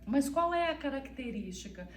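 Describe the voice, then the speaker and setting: A woman talking informally to a church group, soft and even in tone. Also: high voice, moderate pace. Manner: soft, even-toned, speaks of her monotone voice. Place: church hall. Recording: echoey room, far from the mic.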